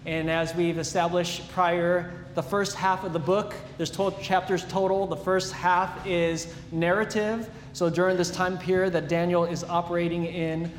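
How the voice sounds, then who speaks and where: A man preaching a sermon and telling a personal story in an animated, self-deprecating way. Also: high-pitched, a little slow, few pauses, a little hiss or hum. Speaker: pastor. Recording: echoey hall with long reverb.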